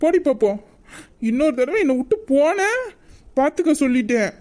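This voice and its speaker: A woman's voice: sits high, sing-song, fairly quick, mellow. A woman playing a wounded, proud young man. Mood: hurt, angry. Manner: sulking, reproachful, scolding. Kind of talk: romantic audio drama acting.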